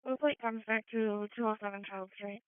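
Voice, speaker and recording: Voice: medium pitch, fairly even intonation, a little fast, very noisy. A police dispatcher giving terse codes and addresses over two-way radio. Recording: narrow tinny scanner radio audio.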